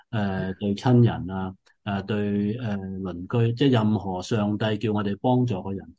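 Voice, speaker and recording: A male preacher teaching scripture in an earnest, explanatory manner. His voice sits low and sounds warm and relaxed. He often stops on long filler sounds as he explains each verse. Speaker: preacher leading a Bible study. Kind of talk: Bible teaching sermon.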